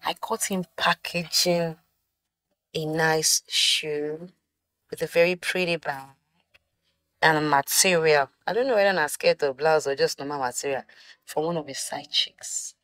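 A woman's voice: sits low, steady tone, measured pace, fairly bright tone, no echo. A Nigerian woman playing a flashy, boastful young woman who teases and gossips, mixing Pidgin into her English. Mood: gossiping. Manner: teasing, boastful, mixes in Pidgin. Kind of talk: Nollywood film acting.

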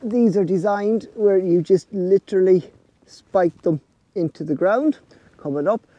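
Outdoors under netting on his farm, a man from Ireland in his forties casually explains farm jobs for his snail farming vlog. He speaks at a measured pace in a dark voice that sits high, and the lo-fi sound has no echo.

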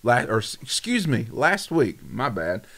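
A man's voice: medium pitch, very animated, unhurried, bright, forceful tone. A man, hosting a casual fishing podcast, talking emphatically and repeating himself. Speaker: podcast host. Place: wood-paneled studio room. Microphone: boom mic on desk arm.

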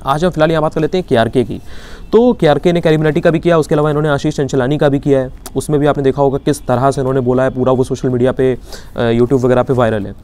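A man's voice: medium pitch, steady tone, fast, mellow. A man with an Indian accent giving an indignant opinion commentary, arguing with rhetorical questions. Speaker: YouTube commentator.

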